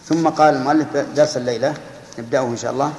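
A man's voice: mid-range voice, fairly even intonation, rapid-fire, darkish tone. Man teaching grammar in an echoing hall. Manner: questioning his students, explaining step by step. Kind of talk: grammar lesson. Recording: echoey hall recording, faint noise.

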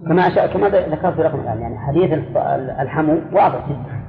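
A man's voice: on the high side, animated, racing, vocal fry, background noise. Man lecturing in an echoing hall. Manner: explanatory, answers students' questions, repeats key words. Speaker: religious scholar teaching a class. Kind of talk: classroom lecture on Islamic law. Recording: phone-like audio in a long-echoing hall.

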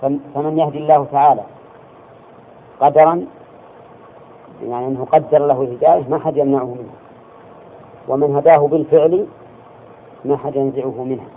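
A man's voice: medium pitch, fairly even intonation. Man teaching over a tinny recording. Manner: deliberate, checks students with quick questions. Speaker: religious teacher. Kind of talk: classroom lesson explaining hadith and grammar. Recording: tinny lo-fi lecture recording with faint hiss.

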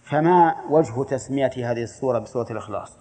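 A man's voice: mid-range voice, fast, mellow. Man teaching a religious lesson, hall echo. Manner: explains step by step, asks students questions and answers them. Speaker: Islamic scholar teaching a creed text.

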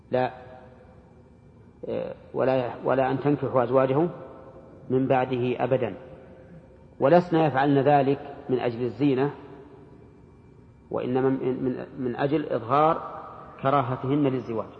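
A man giving a classroom lecture, explaining in a measured way and stopping to question his readers. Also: medium pitch, gravelly. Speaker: teacher explaining hadith and commentary. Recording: reverberant hall, dull sound.

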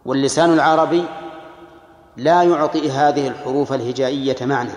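A man's voice: mid-range voice, darkish tone. A man teaching a classroom lecture on scripture as an Islamic scholar, explaining grammar step by step and asking his students questions. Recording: echoey hall with long reverb.

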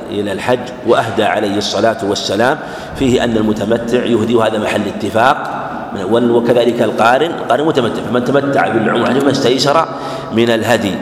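A man giving a religious lesson, speaking in a measured way and repeating phrases for emphasis. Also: mid-range voice, slight background noise. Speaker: Islamic scholar teaching a hadith class. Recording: echoey hall with faint ambience.

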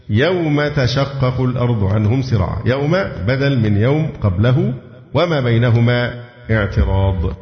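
Methodical man teaching in an echoey hall. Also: lowish voice. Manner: methodical, explains grammar and quizzes students. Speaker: teacher of Quran commentary. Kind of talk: classroom lesson. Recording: echoey hall, muffled lo-fi recording.

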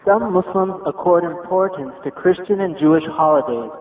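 A man's voice: sits high, normal speed. A man formally reading out a scripted question as part of a religious question-and-answer recording. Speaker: reader of questions for religious rulings. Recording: muffled phone-like tape, distant, echoey reverberant room.

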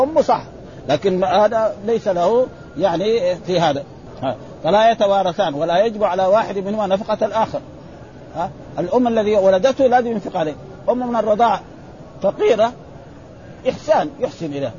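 A man's voice: high voice, a little mellow, a little hiss or hum. A man teaching a lesson, reading classical texts and explaining them in colloquial asides, with frequent "ha" fillers and self-corrections. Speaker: religious teacher. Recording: slightly dull lo-fi recording.

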